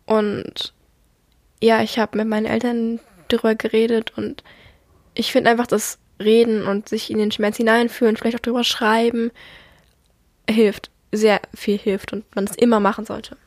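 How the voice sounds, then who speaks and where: A woman's voice: fairly high pitch, flat delivery, moderate pace, no room sound, clean studio sound. A young woman talking casually and personally as a podcast host, in an earnest, reflective, somewhat subdued manner. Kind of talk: personal monologue, casual confiding talk.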